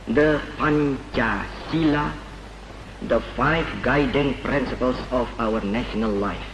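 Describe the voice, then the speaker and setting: Slow, deliberate man in an old archive recording. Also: on the high side, background noise. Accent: Indonesian. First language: Indonesian. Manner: measured, deliberate phrasing. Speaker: statesman giving an address. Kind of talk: formal speech.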